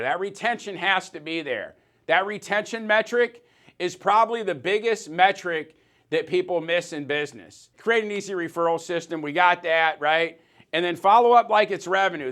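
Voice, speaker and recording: A man with a fairly high voice, delivering a motivational business talk. He talks emphatically, restarting sentences and hammering points home by repetition. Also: fairly bright tone. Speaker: business coach.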